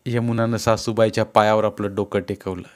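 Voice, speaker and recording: A man narrating a village story in a steady, plain storytelling voice. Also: on the low side, brisk. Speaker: audiobook narrator. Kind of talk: storybook reading.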